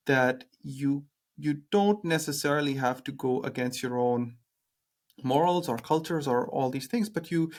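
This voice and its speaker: A man's voice: mid-range voice, measured pace. A young man from Pakistan, hosting a podcast in a hesitant, casual way, often filling gaps with "like". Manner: hesitant, leans on "like" fillers. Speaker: podcast host.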